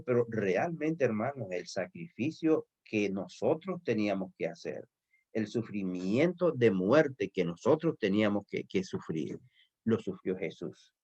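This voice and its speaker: A man's voice: fairly low pitch, darkish tone. Earnest pastor man teaching, lo-fi sound. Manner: earnest storytelling, addresses listeners as brothers. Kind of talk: Bible study teaching.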